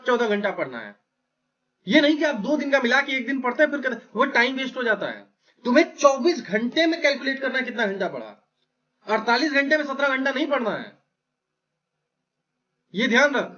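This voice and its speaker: With an extremely high, slightly bright voice on lo-fi audio, a mentor gives exam students blunt, emphatic study advice. His motivational talk feels brotherly, and he keeps checking in with "right?"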